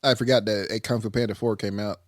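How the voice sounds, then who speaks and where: A man co-hosting a casual film podcast, joking and talking quickly. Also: lowish voice, fairly even intonation, no room sound, clean studio sound. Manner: joking, quick, laughs often. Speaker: podcast co-host.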